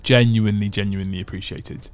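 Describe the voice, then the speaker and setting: Over soft background music, a fast-talking man with a lowish, steady voice hosts a laid-back livestream. He reads viewer comments and chats, thinking aloud in long runs with restarts and repetition.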